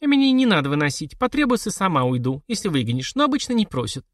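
A man's voice: sits high, very animated, fast, no echo, studio quality, voice pushed up. A man voicing a playful, mocking widowed society lady in an audiobook. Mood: teasing. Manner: teasing, flippant.

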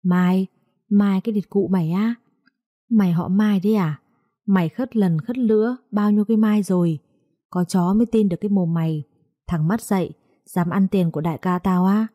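A woman's voice: mid-range voice, normal speed, dark tone, no room sound, clean studio sound, close to an everyday voice. A woman reading aloud, voicing a crude, threatening male debt-collector thug. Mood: furious. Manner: vulgar, taunting, threatening.

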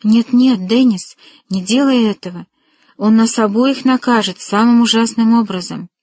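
A woman's voice: medium pitch, unhurried, a little mellow, no echo, clean studio sound, lightly acted. A woman reading a timid anxious girl. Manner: anxious, pleading. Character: young woman, timid and fearful daughter.

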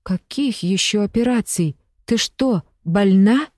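A woman's voice: mid-range voice, lively intonation, slow, mellow, no echo, clean studio sound, voice pushed up. A woman reading as a woman with a weak heart, hurt and pleading after a betrayal, in an audiobook. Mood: upset. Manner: shocked, pleading.

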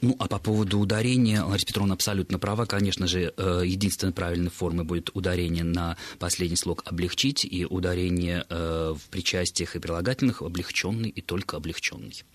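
A man in a radio studio explaining word origins and stress in a measured, explanatory way. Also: low-pitched, flat delivery, no room sound. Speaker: language expert.

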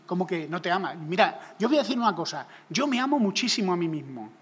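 A man preaching a humorous sermon, jokey and animated, acting out little scenes. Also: sits high, fast talker, breathy edge, in a large hall.

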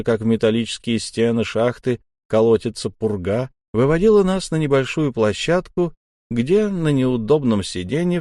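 A man narrating a first-person adventure story in a steady, measured reading. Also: mid-range voice, no echo, clean studio sound. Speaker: audiobook narrator.

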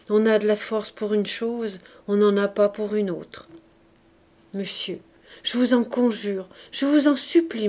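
A woman reading aloud, voicing a broken old man who pleads in a hushed, sometimes whispered voice. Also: mid-range voice. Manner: hushed, trembling, at times whispered.

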